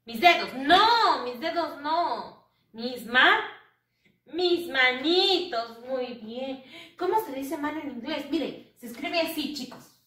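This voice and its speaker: High-voiced woman teaching small children. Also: lively intonation, slow, bright, forceful tone. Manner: sing-song, coaxing, answers own questions in kids' voices. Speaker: English teacher for first graders. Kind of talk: children's lesson. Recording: roomy, distant from the mic.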